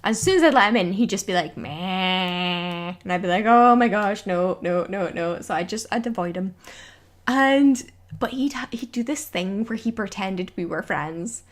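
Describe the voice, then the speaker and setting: A young woman chatting casually as a vlogger, telling a story and acting out quotes. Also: moderate pace. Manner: animated, acts out quotes with sudden high squeals.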